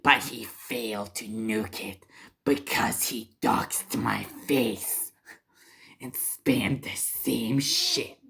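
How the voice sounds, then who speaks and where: A man doing a mocking impression of a woman reading an exposé aloud, in a breathy half-whisper that stumbles over the words. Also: mid-range voice, drawn-out words, sharp tone, heavily acted.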